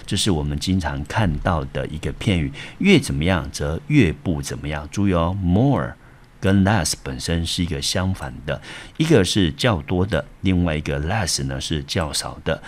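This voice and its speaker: A man's voice: sits low, animated, normal speed. A man teaching English vocabulary in Mandarin with a Taiwanese accent, explaining step by step with frequent fillers. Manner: explanatory, repeats words, frequent "好" and "呢". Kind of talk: vocabulary lesson.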